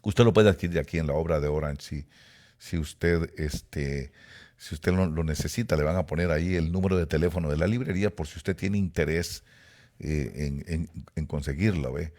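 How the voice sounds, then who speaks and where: A man's voice: extremely low pitch, moderate pace, darkish tone. A man teaching a Bible lesson as a pastor, explaining word by word with frequent fillers and restarts.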